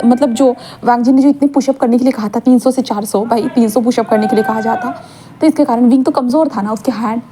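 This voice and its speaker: A woman's voice: a little high, mellow. A woman narrating a fan-fiction story in a casual, rambling, chatty way, often correcting herself.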